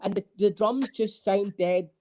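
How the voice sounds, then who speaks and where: A man, a guest drummer, telling animated, swear-filled stories in a casual interview. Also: sits high, measured pace. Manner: animated storyteller, swears freely.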